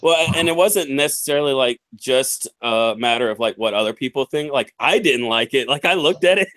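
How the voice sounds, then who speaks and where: An earnest man chatting on a video-call panel, rambling a little as he speaks plainly and openly. His voice sits at an ordinary middle pitch. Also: expressive, fairly quick, a bit bright. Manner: earnest, rambling, self-conscious. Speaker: YouTuber guest on a panel. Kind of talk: casual chat.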